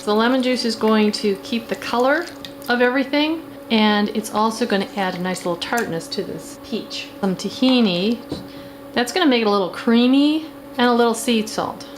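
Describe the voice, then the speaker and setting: A woman's voice: on the high side, moderate pace, lightly acted, low-quality recording. A middle-aged woman playing a campy, glamorous housewife who hosts a chatty cooking demonstration with a theatrical drag-queen manner. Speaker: cooking show host. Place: home kitchen. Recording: clear background noise in kitchen.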